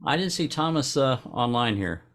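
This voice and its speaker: A man presenting club entries and giving halting photo critiques with many restarts. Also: medium pitch, big pitch swings, a bit bright.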